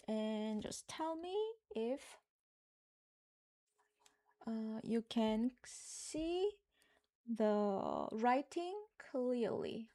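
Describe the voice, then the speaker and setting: A woman with a Korean accent, a native Korean speaker, teaching a live-streamed language lesson and repeating words slowly for learners. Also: on the high side, huge pitch swings, warm tone.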